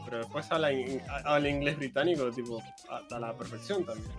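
A man's voice: medium pitch, a little fast, over music. A young man with an Argentine accent, chatting casually and slangily with friends, often restarting his sentences. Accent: Rioplatense Argentine Spanish. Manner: slangy, restarts often, says boludo a lot. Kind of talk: casual chat.

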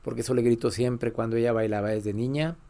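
A man's voice: mid-range voice, steady tone, fast talker, mellow. A middle-aged man, a father talking tenderly on a podcast and acting out phone calls. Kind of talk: emotional podcast chat.

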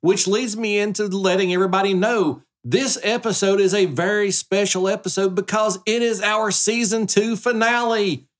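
A man's voice: sits high, fairly even intonation, normal speed, few pauses. A middle-aged man hosting a casual podcast with his son, talking in a folksy, joking way. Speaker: podcast host, dad.

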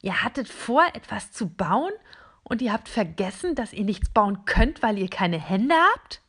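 A woman voicing a tiny curious robot vehicle with a very high, hesitant voice full of ums. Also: very animated, a little slow, a bit bright, slightly rough, full character voice. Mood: bewildered. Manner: hesitant, bewildered, with many ums.

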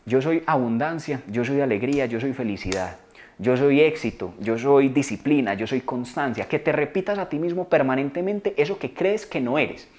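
A man's voice: medium pitch, moderate pace, darkish tone. A man giving an earnest motivational self-help talk to camera, coaching viewers and repeating key phrases for emphasis. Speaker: motivational video maker.

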